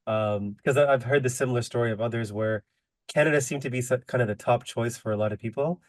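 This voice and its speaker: A man's voice: medium pitch, fast talker, dry recording. A man hosting a podcast, with an easygoing, casual manner and lots of "like" and "kind of". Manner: easygoing, says "like" and "kind of" a lot. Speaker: podcast host. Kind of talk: casual interview talk.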